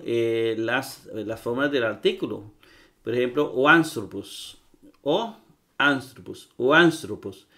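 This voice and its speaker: A man teaches a grammar lesson at a middle pitch. He speaks haltingly, repeating words and filling pauses, and keeps checking whether his students follow. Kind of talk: recorded grammar lecture.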